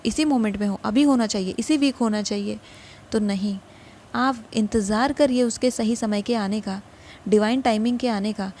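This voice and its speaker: A woman giving a tarot reading to viewers in a gentle advising way, mixing English words into her talk. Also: fairly high pitch, a little hiss or hum. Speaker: tarot reader.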